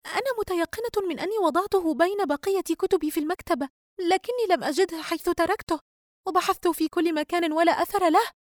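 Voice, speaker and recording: A bewildered young woman friend voiced by a woman reader, pitched up high and sounding worried and breathless. The audiobook reading is close and dry. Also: fast, dry recording. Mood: anxious.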